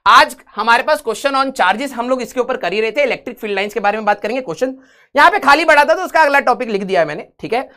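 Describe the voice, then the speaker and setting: Bright-voiced joking physics teacher, male. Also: very high-pitched. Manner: jokey, teasing banter with students; switches to English when reading questions. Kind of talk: live online lecture.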